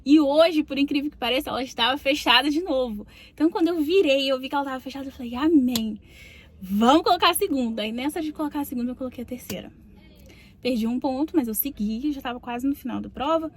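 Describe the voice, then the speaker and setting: A young Brazilian woman with a slightly high voice tells a personal story as host of her own podcast. She is chatty and confiding, and often drops in small tag questions to her listeners. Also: fast talker. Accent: Brazilian Portuguese. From Brazil, Rio de Janeiro state.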